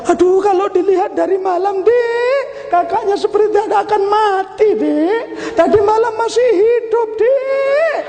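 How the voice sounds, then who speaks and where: A man voicing a grieving village woman in a high, wailing falsetto, within a preached sermon. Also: unhurried, hardly any pauses, mellow. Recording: reverberant hall, faint background noise.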